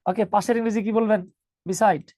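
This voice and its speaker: A man's voice: high voice, fairly even intonation, moderate pace, mellow, dry recording. A man teaching an online English grammar class, joking with students and calling them 'baba'.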